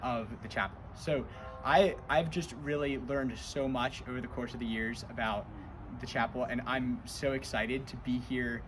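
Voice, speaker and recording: A man's voice: mid-range voice, fairly even intonation, normal speed, over music, poor audio. A young man from Virginia, a student tour guide, answering interview questions outdoors in an earnest, articulate way. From Virginia, USA. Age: young adult. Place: outdoors by chapel doors. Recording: outdoor noise behind.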